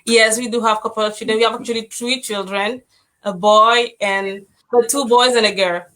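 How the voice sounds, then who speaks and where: A woman's voice: a little high, steady tone, normal speed, fairly bright tone, poor audio. A woman from Cameroon, a guest in a casual interview, speaking hesitantly with restarts and fillers.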